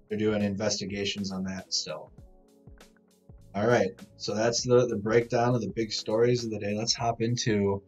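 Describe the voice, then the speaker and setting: A man's voice: fairly low pitch, a little mellow. A man with a tinny, tin-can laptop-mic voice. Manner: reads headlines, stumbles and restarts words. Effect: tinny, tin-can sounding laptop mic. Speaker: live-stream news host. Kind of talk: casual news rundown. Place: hotel room. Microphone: laptop microphone.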